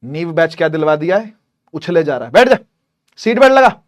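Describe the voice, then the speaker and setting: A man voicing a gruff father who barks short commands at his restless son. The voice is firm and clipped. It stays lower than the teacher's normal voice. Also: sing-song, fairly quick. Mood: scolding.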